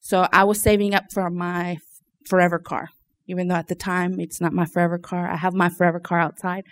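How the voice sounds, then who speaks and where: A woman's voice: fairly low pitch, little pitch movement, fairly quick. A woman from Louisiana giving an informal personal testimony to a group, hesitant and often searching for her words. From Louisiana, United States. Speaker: church member giving testimony.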